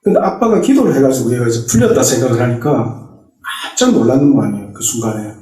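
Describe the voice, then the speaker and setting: Middle-aged man, deacon giving a church testimony; mellow, storytelling delivery, echoey hall, distant mic. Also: medium pitch, lively intonation, fast. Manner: storytelling, acting out family dialogue. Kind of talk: personal testimony told as a story. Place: church sanctuary.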